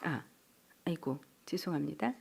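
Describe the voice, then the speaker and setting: Animated middle-aged woman lecturing. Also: low voice, normal speed, creaky, slightly rough. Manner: animated, acts out quoted voices of parents and children. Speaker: seminar speaker. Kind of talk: church healing seminar lecture. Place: church.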